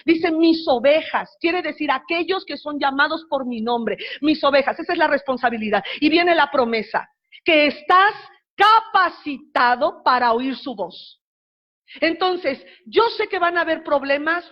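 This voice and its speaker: Woman pastor, middle-aged, high voice, conversational sermon, slightly muffled recording. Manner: conversational, asks the congregation questions.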